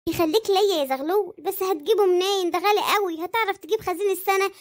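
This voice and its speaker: Cartoon housewife played by a woman, Egyptian accent, very high, quick, nagging and theatrical. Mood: fretting. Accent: Egyptian Arabic. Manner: nagging, dramatic, lamenting. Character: chatty fretful Egyptian housewife, middle-aged. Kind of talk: comic cartoon voice acting.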